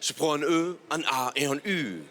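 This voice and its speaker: A man's voice: a little high, lively intonation, normal speed, sharp tone, slight background noise. A man from New York with an American accent doing a self-mocking stand-up routine in French on a TV studio set. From New York, USA. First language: English. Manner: playful, self-mocking, punchline timing. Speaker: comedian guest.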